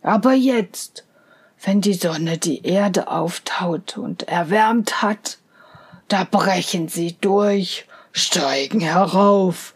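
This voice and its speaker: A woman doing a slow, hushed gentle bear. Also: husky, full character voice. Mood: earnest. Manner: slow, low and hushed, trailing into whispers. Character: large gentle male bear, calm and kind. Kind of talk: fairy tale reading.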